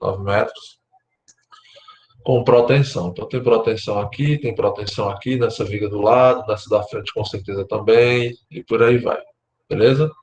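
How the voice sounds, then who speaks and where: A Brazilian man lecturing architecture students online, explaining step by step and often checking in with his class, his voice going hoarse. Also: fairly low pitch, steady tone, normal speed, a little mellow, echoey room, a little hiss or hum. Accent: Brazilian Portuguese. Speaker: university lecturer.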